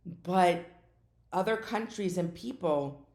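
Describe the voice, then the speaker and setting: Low, gravelly American woman podcasting. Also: slow, a little mellow. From United States. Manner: chatty, self-correcting, tongue-tied at times. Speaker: podcast host. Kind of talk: casual solo podcast talk. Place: home in Florida. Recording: echoey room.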